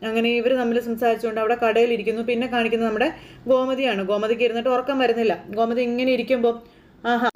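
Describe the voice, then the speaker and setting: Fast-talking woman recapping a serial. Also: fairly high pitch, flat delivery, darkish tone. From Kerala. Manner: chatty, rambling retelling with frequent "you know" tags. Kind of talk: casual spoken recap of a TV serial.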